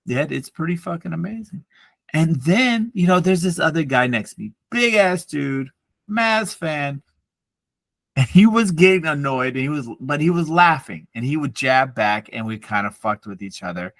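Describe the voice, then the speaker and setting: His voice is fairly high and his speed normal, captured in a dry recording. The speaker, a podcast co-host in his forties, fills the casual conversation with swearing, ranting, and animated storytelling.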